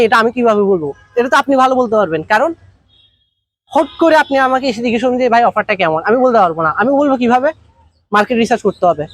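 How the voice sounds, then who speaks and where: High-voiced fast-talking man teaching. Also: no echo. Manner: colloquial, tells anecdotes with acted dialogue. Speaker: business trainer. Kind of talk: masterclass talk.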